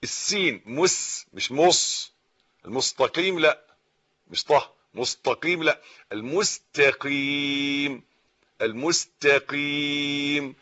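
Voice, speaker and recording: A man with an Egyptian Arabic accent teaching Quran recitation, reciting slowly and then explaining corrections quickly. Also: on the high side, bright, forceful tone, highs cut off.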